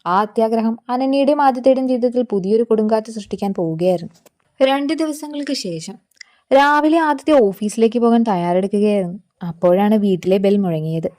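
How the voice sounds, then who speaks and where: A woman narrating a scripted family story in a steady, measured way. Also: fairly high pitch.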